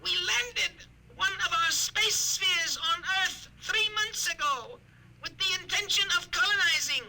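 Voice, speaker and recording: A tiny, sinister doll commander from another planet. The voice is extremely high and squeaky, yet formal and imperious, as if addressing inferiors. It plays as 1950s radio drama on a clearly noisy old recording. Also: unhurried, full character voice. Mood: coolly menacing.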